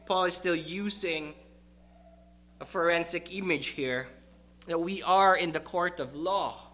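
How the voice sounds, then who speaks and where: A male pastor preaching a sermon to his congregation, emphatic and deliberate, repeating key words for stress. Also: high-pitched, bright, forceful tone.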